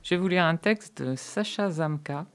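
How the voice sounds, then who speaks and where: A woman reading poetry in a calm, deliberate way, hesitating with fillers when she introduces each text. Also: on the low side. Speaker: poetry reader. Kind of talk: slow, measured poetry reading.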